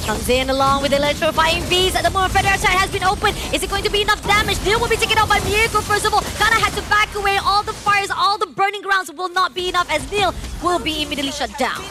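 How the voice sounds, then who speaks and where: A woman shoutcasting esports with emphatic, dramatic play-by-play calls, like a fighting game announcer. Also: extremely high pitch, fast, hardly any pauses. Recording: game music behind the voice. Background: game music.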